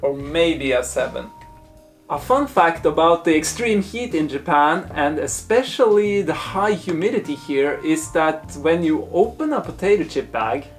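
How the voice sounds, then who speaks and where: A man's voice: fairly high pitch, expressive, unhurried, soft background music. A man presenting a casual taste-test review, thinking aloud in hesitant, broken phrases. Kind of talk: casual food review talk to camera.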